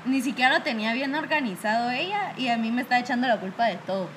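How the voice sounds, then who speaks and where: A young woman, casually telling animated stories about bad bosses and peppering them with "¿verdad?". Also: on the high side, fast, a little hiss or hum. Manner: animated storytelling, acts out her bosses' scolding; frequent fillers like "¿verdad?" and "va". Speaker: guest telling work stories. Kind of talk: casual chat.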